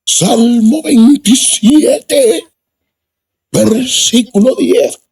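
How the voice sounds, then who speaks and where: A man imitating a fiery village preacher who speaks in a drawn-out, high, emphatic way. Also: vocal fry, darkish tone, slightly rough, heavily acted. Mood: preaching. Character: fiery male village preacher, slow and booming.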